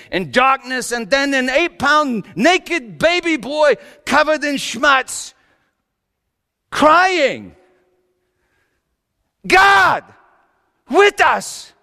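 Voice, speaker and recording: Male performer as wry, exasperated old-world carpenter, comic stage monologue, unhurried and very animated, big reverberant hall. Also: very high voice, heavily acted. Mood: impassioned. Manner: theatrical, swinging between hushed asides and shouted exclamations. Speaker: storyteller preaching in character. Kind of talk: comic dramatic monologue to a congregation.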